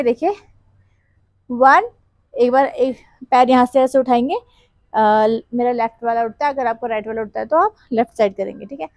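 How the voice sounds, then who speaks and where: Woman, dance teacher, counting beats, singing along to steps, high voice, dry sound. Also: a little mellow, dry recording. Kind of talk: dance tutorial instruction with counting.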